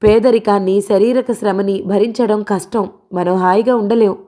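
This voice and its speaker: A woman's voice: mid-range voice, fairly even intonation, normal speed, mellow, close to an everyday voice. A woman reading aloud and voicing a timid young man who answers his lover with hesitant, resigned reasoning.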